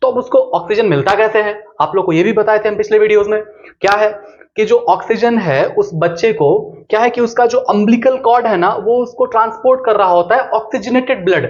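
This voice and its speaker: Chatty young male biology tutor, high-pitched voice, jokey and engaging. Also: a little mellow, muffled recording. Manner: chatty and joking, keeps checking in with listeners. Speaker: biology teacher. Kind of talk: playful explainer lesson.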